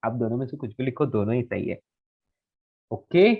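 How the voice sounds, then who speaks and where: A man's voice: mid-range voice, gravelly, husky, phone-quality sound. A male physics teacher, giving an online class and patiently repeating key phrases. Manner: patient, repeats key phrases slowly, calls students beta.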